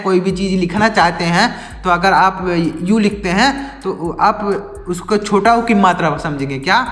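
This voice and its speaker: A man's voice: sits high, fairly bright tone, long reverb tail. A man teaching an English lesson, asking his own questions and answering them again and again.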